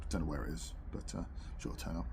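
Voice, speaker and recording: British male reviewer, relaxed dark tone, informal delivery between puffs with pipe in mouth, slightly noisy camera-mic sound. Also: a bass voice, quick pace, gravelly. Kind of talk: casual chat review to camera. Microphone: built-in camera microphone. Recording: noisy camera audio without separate microphone.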